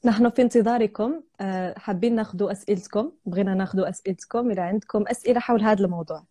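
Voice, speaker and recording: A young woman with a Moroccan Arabic accent hosts a live video chat from a room in her home, captured through a laptop or phone camera. Her mid-range, mellow voice moves very fast as she chats casually, tells stories and laughs a lot.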